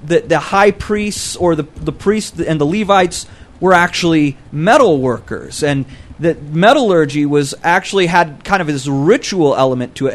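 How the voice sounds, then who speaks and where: A man co-hosting a podcast, explaining scripture in a casual, scholarly way and thinking aloud as he goes. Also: fairly high pitch. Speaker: podcast co-host discussing scripture.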